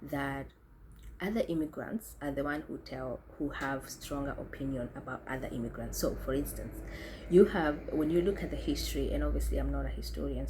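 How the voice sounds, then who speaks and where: This young Kenyan woman has a very deep voice and shares her experiences reflectively to camera, restarting and revising her sentences as she thinks. Background noise is audible.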